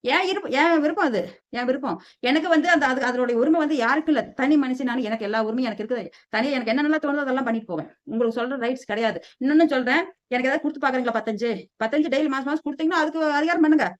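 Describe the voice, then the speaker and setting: A woman's voice: sits high, very fast. A middle-aged woman vlogger from southern India, scolding and defiant as she rants to the camera about family gossip. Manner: heated, defiant, scolding, repeats "சரியா?". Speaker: lifestyle vlogger. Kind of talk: angry personal rant to camera. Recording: dull lo-fi audio.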